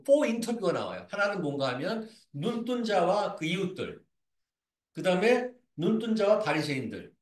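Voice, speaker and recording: A man's voice: sits high, very animated, moderate pace, reverberant. A man preaching a sermon as pastor, dropping English phrases and acting out the voices of scripture and scoffers. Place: church sanctuary.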